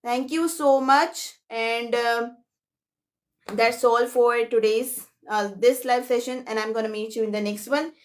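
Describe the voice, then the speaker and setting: In her live online class, a young Pakistani woman moves very slowly and step by step through the material, mixing Hindi-Urdu with English. Her voice is high, and her intonation stays fairly even.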